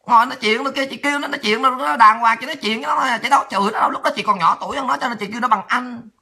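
A woman, giving a brash, profane ranting monologue and often breaking into laughter and shouts. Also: fairly high pitch, very fast, gravelly. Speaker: political livestreamer.

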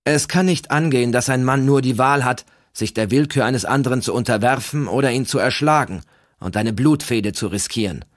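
A man's voice: mid-range voice, expressive, normal speed, no room sound, clean studio sound, pitched above the performer's own voice, lightly acted. A man reading an earnest young Norse chieftain. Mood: urgent. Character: determined young male Norse leader.

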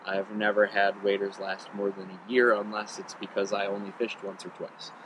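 A man in his thirties chats through a gear review outdoors, relaxed and rambling with plenty of ums. His voice sits a little low. The camera stands a few meters away, with clear outdoor noise behind him. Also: normal speed. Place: outdoors on a riverbank. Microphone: camera on tripod a few meters away.

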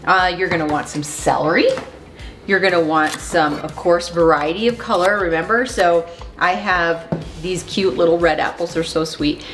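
Chatty woman hosting a cooking vlog. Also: on the low side. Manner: chatty, upbeat, giggly. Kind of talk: casual cooking demonstration. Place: small RV kitchen. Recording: roomy with background music.

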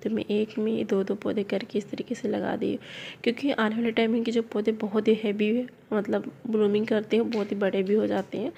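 Gravelly-voiced woman showing her garden. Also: mid-range voice, flat delivery, normal speed, mellow, a little hiss or hum. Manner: chatty, addresses viewers as friends. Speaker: gardening vlogger. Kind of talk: casual gardening walkthrough. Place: home garden, outdoors. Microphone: phone held in hand.

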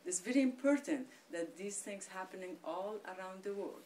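A woman's voice: medium pitch, expressive, normal speed, dark tone. A woman from Afghanistan giving a talk to an audience in a meeting room, earnest and hesitant with many fillers. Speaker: lecturer. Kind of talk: public talk. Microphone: far camera. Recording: distant room sound, faint noise.

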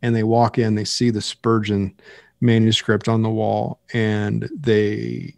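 A man, a pastor hosting a podcast, talking in a casual but emphatic, preachy way that climbs higher and louder as he gets worked up. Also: little pitch movement, takes it slowly, creaky, dry recording. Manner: emphatic, preachy, rises in pitch and volume when worked up.

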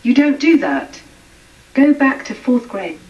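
A female computer voice playing a stern school teacher, flat and synthetic, heard from afar in an echoey room. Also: high-pitched, measured pace. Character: cafeteria and science teacher, stern. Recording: echoey, distant, dull TV sound.

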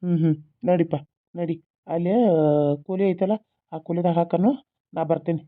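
A woman voicing a kindly village doctor who speaks gravely and soothingly, with a North Karnataka Kannada accent, in a cartoon serial. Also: fairly low pitch, fairly even intonation, measured pace. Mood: concerned. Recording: lo-fi phone-like sound.

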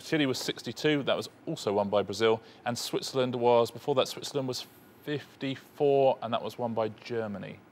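A man with an English accent, the quiz show's co-host, explaining answers in a measured way with a few hesitations. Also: mid-range voice, a little hiss or hum. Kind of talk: explaining answers on a game show. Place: television studio.

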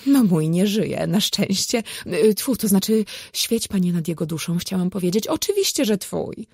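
A woman's voice: medium pitch, expressive, normal speed, gravelly, a little mellow, slightly rough, no room sound, studio quality. A woman voicing a fussy, scheming middle-aged mother in an audiobook, who talks dramatically and drops into conspiratorial whispers. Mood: dramatic. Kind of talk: audiobook character voice.

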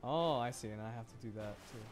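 A man with a medium-pitched voice talks fast while livestreaming a video game, with game music and sounds behind him. He reacts casually and thinks aloud in short exclamations.

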